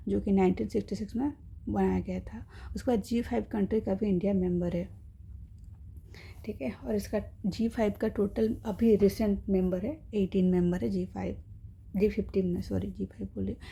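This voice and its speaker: Woman teaching exam prep, gravelly and really dark voice, keeps going "theek hai na". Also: mid-range voice. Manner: explains in Hindi mixed with English terms, often checks with "ठीक है ना".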